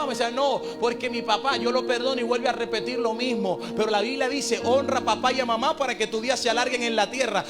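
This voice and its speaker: A young adult male pastor, preaching with impassioned storytelling. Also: very high voice. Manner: impassioned storytelling, building to shouts. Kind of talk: sermon. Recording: loud music under the voice.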